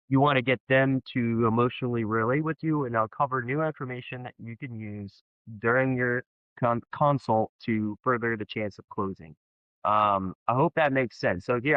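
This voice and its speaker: A man teaching a sales technique in a casual explainer video, talking in a halting way with many fillers and restarts. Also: mid-range voice, no echo, muffled recording. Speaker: sales trainer.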